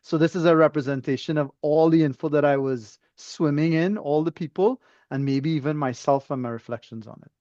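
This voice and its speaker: This Trinidadian engineer, appearing as a podcast guest, muses discursively in a conversational, reflective interview. His voice sits on the high side and sounds warm, moving briskly with few pauses. The audio is very dry, with no echo, though slightly muffled.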